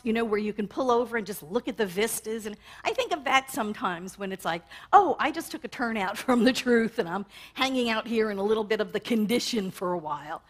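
A woman minister delivering a sermon in a conversational way, laughing often and checking in with "right?" as she goes. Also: on the high side. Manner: warm, conversational, with frequent laughs and "right?" asides.

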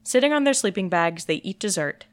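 A woman reading the stage directions of a screenplay, steady and matter-of-fact. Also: medium pitch, fairly quick, no echo. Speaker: script reader.

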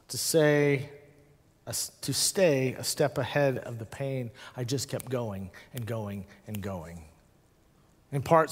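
Reflective preaching man in a reverberant hall. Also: medium pitch. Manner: reflective, with soft hushed passages and slow dramatic pauses. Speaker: pastor. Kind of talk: personal storytelling sermon.

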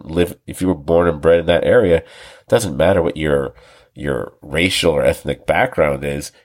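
A man co-hosting a TV review podcast, rambling casually with restarts, laughing often and acting out quoted lines. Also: sits low. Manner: acts out quoted lines with animated voices. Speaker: podcast co-host.

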